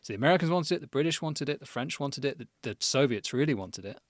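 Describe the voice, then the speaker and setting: Fast-talking man telling history. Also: medium pitch, no echo, studio quality. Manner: animated storyteller, laughs often. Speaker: podcast co-host. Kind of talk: casual history chat.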